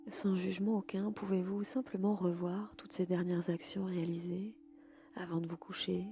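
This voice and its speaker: A woman leading a guided yoga nidra sleep meditation in a slow, soft and soothing way. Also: fairly low pitch, flat delivery, soft background music.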